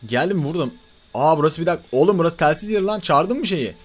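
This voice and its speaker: A young man giving excited let's-play commentary, swinging between loud frantic outbursts and muttering to himself. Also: on the high side, fast. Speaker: gaming YouTuber.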